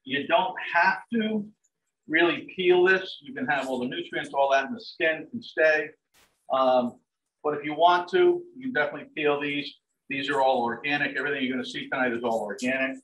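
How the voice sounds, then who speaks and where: A middle-aged chef and dining services director gives a live cooking demo in a large home kitchen, walking through each step in a relaxed way with lots of "um" and "like I said." His voice sits on the high side at a moderate pace, picked up from a distance by a fixed camera across the counter. The kitchen is echoey with a faint hiss, and turkey sizzles in a pan.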